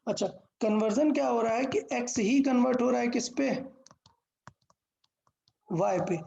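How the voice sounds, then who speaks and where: A woman's voice: a little high, normal speed, gravelly, warm tone, highs cut off, a little hiss or hum. A woman teaching a physics lesson step by step, asking questions and answering them herself, mixing English terms into Hindi.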